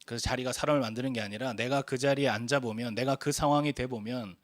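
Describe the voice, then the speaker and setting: A male pastor in his forties gives a sermon in an earnest storytelling style, frequently pausing on hesitant fillers. His mid-range voice has fairly even intonation. The sound is dry and close, without room echo.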